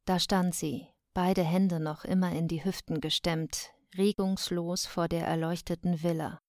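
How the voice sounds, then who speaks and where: Female audiobook narrator, lower voice, steady measured delivery, dry close sound. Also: dry recording. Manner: calm, measured storytelling. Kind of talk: scripted first-person narration.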